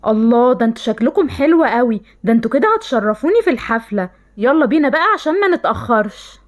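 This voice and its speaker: A cold, scornful father, as a woman with an Egyptian accent puts him on, pitched well below her own voice but still high. He talks briskly and dismissively in a game-animation story. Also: sing-song. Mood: harsh. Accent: Egyptian Arabic.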